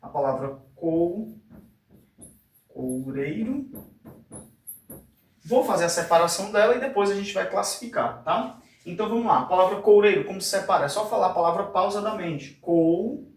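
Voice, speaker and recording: Male Portuguese teacher in an echoey room. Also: sits high. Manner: frequent tag questions like "tá?" and "fechado?"; drawn-out syllable-by-syllable pronunciation. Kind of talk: whiteboard lesson explanation. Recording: echoey room, voice a bit distant from the mic.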